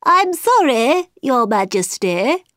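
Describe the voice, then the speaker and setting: A woman's voice: high-pitched, big pitch swings, takes it slowly, a bit bright, no echo, clean studio sound, voice pushed up, heavily acted. A woman voicing a nervous, muddled male hatter who pleads and fumbles in court. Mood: flustered. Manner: flustered, pleading.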